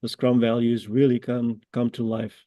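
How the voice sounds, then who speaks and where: A man speaking as a guest trainer in an online webinar, earnest and measured, pausing often on fillers. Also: medium pitch, flat delivery, warm tone, no echo.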